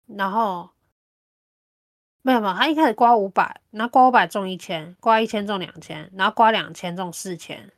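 A woman with a Taiwanese Mandarin accent, chatting casually as a podcast host and telling things in an animated, colloquial way. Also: mid-range voice, moderate pace, no echo, clean studio sound. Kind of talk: casual chat.

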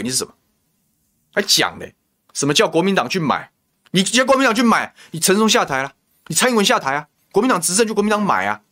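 A man whose voice is a little high and a bit bright hosts a political talk show in a Taiwanese Mandarin accent. He vents in heated, indignant commentary, throwing out rhetorical questions and insults.

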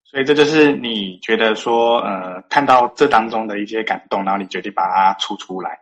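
A man's voice: lowish voice, a little fast, fairly bright tone, highs cut off. A man hosting a podcast interview who listens attentively, putting in frequent short affirmations and then asking follow-up questions. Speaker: podcast host.

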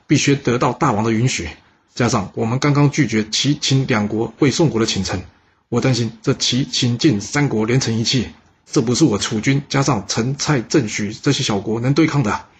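A man's voice: medium pitch, fairly quick, slight background noise, lightly acted. A man voicing a worried ancient officer urgently warning his commander. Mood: urgent pleading. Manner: urgent, pleading. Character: anxious loyal male officer advising caution.

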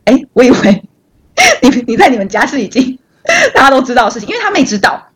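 A woman with a Taiwanese Mandarin accent hosting a podcast, telling a funny anecdote in a lively, giggly way. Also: high voice, fast, slightly rough. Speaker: podcast host. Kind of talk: casual podcast chat.

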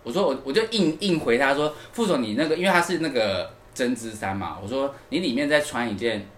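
A man's voice: mid-range voice, expressive, a little fast. A man telling a work anecdote in casual podcast chat, acting out what each person said. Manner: storytelling, acts out quoted dialogue.

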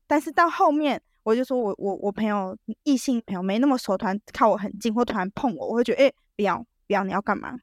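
A woman telling a story as a podcast guest, animated and full of restarts. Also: mid-range voice, no room sound, studio quality. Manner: animated, acts out quoted dialogue, frequent restarts.

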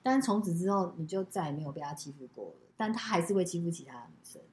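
A middle-aged woman co-hosts a casual podcast, talking at a brisk, rapid clip. Her voice sits on the lower side for a woman. She jumps in to finish sentences and wrap up each point. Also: lively intonation, a little mellow. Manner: chimes in and sums up, finishing the other speaker's sentences. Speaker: podcast co-host, parent.

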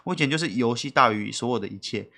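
A young man with a Taiwanese Mandarin accent, co-hosting a casual podcast chat, animated and playfully acting out stories with sound effects. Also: mid-range voice, quick pace, vocal fry. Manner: animated, acts out childhood tantrums with sound effects. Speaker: podcast co-host.

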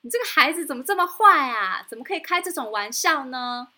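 A woman's voice: sits high, lively intonation, brisk, pushed and bright, voice pushed up, full character voice. A woman voicing a grown male farmer in a children's story, scolding a boy.

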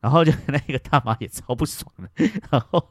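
A man hosting a podcast, telling a story in casual chat, animated and breaking into loud indignant bursts. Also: mid-range voice, brisk, no room sound, clean studio sound. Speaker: podcast host.

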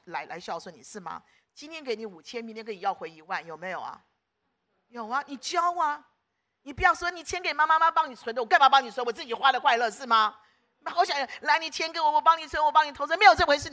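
A woman's voice: on the high side, bright, forceful tone. A middle-aged woman preacher delivering an emphatic sermon, repeating phrases in rhythmic lists.

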